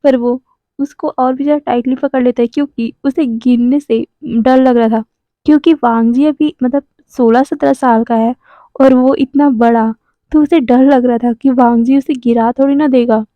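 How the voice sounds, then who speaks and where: A woman narrates fan fiction in a chatty tone and stops now and then to explain. Her voice is high, and the recording sounds dull and dry, with no room in it. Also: steady tone, normal speed, no room sound. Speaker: storyteller.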